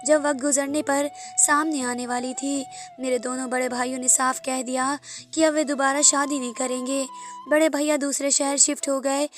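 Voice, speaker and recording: A woman tells an emotional first-person story with a sorrowful, heartfelt delivery. Her voice is high and stays fairly even in pitch, and soft music plays underneath. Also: normal speed. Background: faint music.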